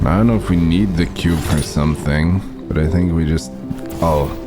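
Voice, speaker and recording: A man with a rough morning voice giving halting, unsure commentary while he plays a game. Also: low voice, over music. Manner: halting, unsure, lots of fillers. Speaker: gamer.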